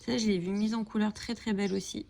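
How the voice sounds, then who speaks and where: A woman's voice: medium pitch, fairly even intonation, quick pace, vocal fry, dark tone, slight background noise. A woman hosting a coloring channel, flipping through coloring books and chatting enthusiastically, with frequent fillers. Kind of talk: casual book flip-through. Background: bird chirping.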